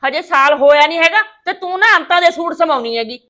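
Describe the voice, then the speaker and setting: An actress playing a sharp-tongued, bossy village mother-in-law who scolds and mocks. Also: very high voice, expressive, exaggerated voice. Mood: berating. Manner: scolding, mocking, quick to insult. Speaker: domineering mother-in-law in comic drama.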